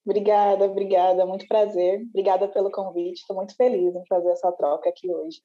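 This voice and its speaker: A woman's voice: mid-range voice, little pitch movement, brisk, warm tone, dull audio. A woman, a guest on a panel, telling her story reflectively and often adding tag questions. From Brazil. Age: 20s. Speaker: panel guest, community CEO. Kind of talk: conversational panel interview.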